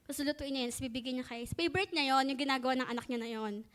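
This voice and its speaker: A woman retells a Bible story to her congregation in a chatty, joking way. Her voice is high and bright, and she drops playful asides into the telling. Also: rapid-fire. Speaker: Bible teacher.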